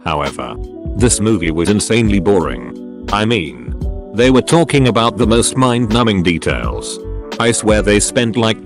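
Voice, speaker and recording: Male narrator, low voice, animated reading of online stories, soft music bed underneath. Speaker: narrator reading forum posts. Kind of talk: scripted narration. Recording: faint music bed behind.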